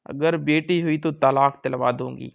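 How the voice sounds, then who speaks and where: A man voicing a cruel, domineering older mother-in-law, in a gravelly voice. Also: on the high side, fairly even intonation. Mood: threatening.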